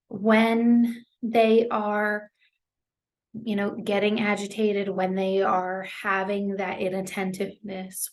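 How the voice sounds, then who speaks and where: A young adult woman teaching caregivers in a relaxed, conversational way, with frequent fillers and a reassuring manner. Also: medium pitch. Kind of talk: educational talk to caregivers.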